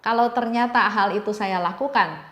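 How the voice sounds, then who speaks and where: Female devotional speaker, storytelling tone, mid pitch, reverberant room. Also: moderate pace. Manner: gentle storytelling with repeated phrases. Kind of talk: reflective devotional talk.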